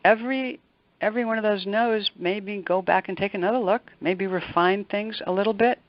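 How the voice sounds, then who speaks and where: Brisk and mid-range, an older woman's voice delivers conversational interview answers in the role of a motivational coach. As a guest who does executive coaching and motivational speaking, she is emphatic and repeats words to hammer points home. No echo, but the audio is dull.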